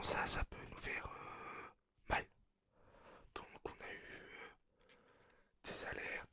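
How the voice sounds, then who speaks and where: Man playing whispering masked apocalypse survivor, anxious role-play. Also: bright, forceful tone. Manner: muffled, speaking through a face mask; hesitant, halting storytelling.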